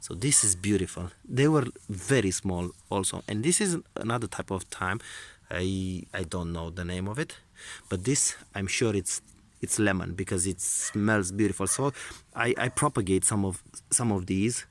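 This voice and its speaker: Outdoors, a low-pitched man narrates a casual, unscripted vlog tour of his garden at a moderate pace. He hesitates and frequently repeats himself, and outdoor background noise comes through clearly.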